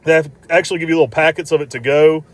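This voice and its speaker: Quick-talking man, casual food vlog voice-over. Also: a little high, fairly even intonation. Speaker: restaurant review vlogger.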